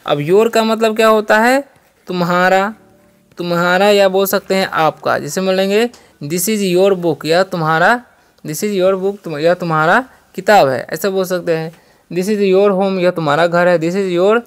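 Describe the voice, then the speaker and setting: Teacher running a beginner lesson, spells words out letter by letter, keeps asking and answering the same question, goes slow on the example lines. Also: mid-range voice. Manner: quizzes listeners with repeated questions and answers; says the example sentences slowly and carefully. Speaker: English teacher.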